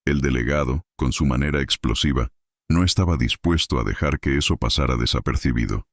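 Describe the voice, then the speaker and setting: Very deep-voiced man narrating horror. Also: creaky, dry recording, clean studio sound. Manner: dramatic, measured storytelling. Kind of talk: scripted horror story narration.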